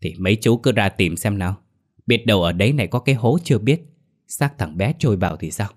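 A man's voice: lowish voice, animated, fast talker. A man doing a coaxing, persistent villager. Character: persistent villager suggesting a search spot.

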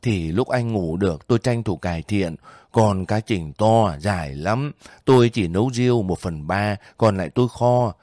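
A man's voice: fairly low pitch, normal speed, a little mellow, no echo, studio quality, lightly acted. A man voicing a caring young male soldier who coaxes his sick comrade in a homely way. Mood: brushing off. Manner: coaxing, homely.

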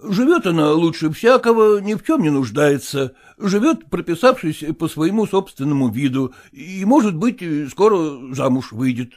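A man's voice: a little high, big pitch swings, a little mellow, voice pushed up. Man doing a smug, fawning old-style merchant. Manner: obsequious, drawn-out, adding a polite "-s".

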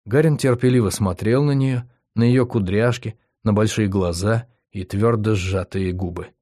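A man narrating an audiobook in an even, measured reading. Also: lowish voice, no echo, clean studio sound. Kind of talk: scripted narration.

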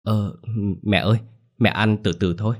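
A man's voice: on the low side, steady tone, normal speed, lightly acted. A man voicing a timid middle-aged daughter-in-law who stammers and pleads. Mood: pleading.

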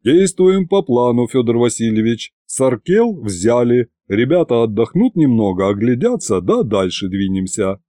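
A man voicing a calm, tired military commander who speaks in a measured, patient way. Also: mid-range voice, no echo, studio quality. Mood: weary.

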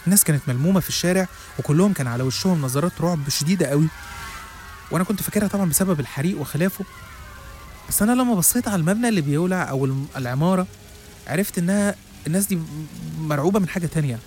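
A man with an Egyptian accent narrating a first-person horror story in a rapid, suspenseful way. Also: a little high, darkish tone, soft background music. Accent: Egyptian Arabic. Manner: rapid, suspenseful, with small restarts.

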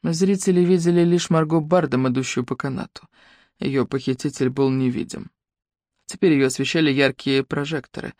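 A woman narrating an audiobook in a steady, measured storytelling voice. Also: deep voice, dry recording, clean studio sound. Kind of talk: scripted narration.

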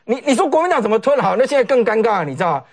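A man with a Taiwanese Mandarin accent giving animated, sarcastic political commentary on a talk show, often mimicking what others said. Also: very high voice, racing.

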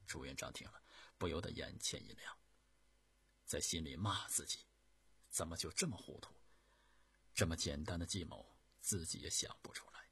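A man tells a historical tale in a traditional dramatic storytelling style, rhythmic and animated. His low voice is raspy and swoops widely. The recording is dry and close. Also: dry recording. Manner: animated, rhythmic narration with sudden swells.

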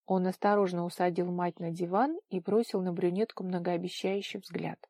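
A woman reading an audiobook in steady, expressive scripted narration. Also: fairly low pitch, moderate pace, no room sound.

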